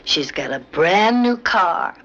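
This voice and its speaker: Slow-talking, coy older lady. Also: fairly low pitch, lively intonation, fairly bright tone, exaggerated voice. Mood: playfully flirtatious. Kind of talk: light TV comedy-drama acting. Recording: muffled soundtrack, faint noise.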